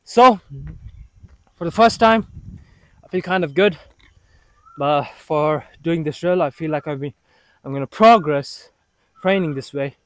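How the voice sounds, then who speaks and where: A man talking casually to the camera about his football training, halting and self-motivating as he thinks aloud on an outdoor pitch. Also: a bit bright.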